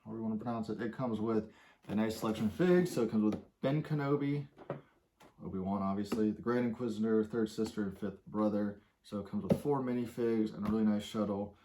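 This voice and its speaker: A man with a lowish voice chats eagerly through an unboxing, rambling with fillers and a little short of breath. Clicks, drawer sounds and steady background noise run under the recording. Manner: enthusiastic, rambling, many fillers. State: slightly out of breath. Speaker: toy collector vlogger. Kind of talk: casual unboxing commentary.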